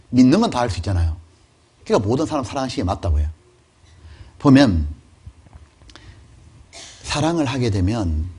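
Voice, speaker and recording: A middle-aged male pastor giving a lively, conversational sermon and often putting questions to his congregation. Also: mid-range voice, slightly rough.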